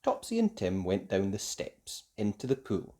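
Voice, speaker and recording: In a low voice, this children's story reader delivers scripted narration with plenty of expression, pacing it deliberately and singing the lines a little for a young audience.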